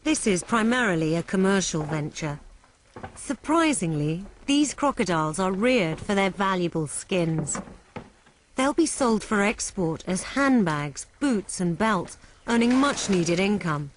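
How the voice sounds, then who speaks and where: A woman presenting and narrating a nature documentary in a measured, scripted voice-over style. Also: medium pitch, expressive, slight background noise.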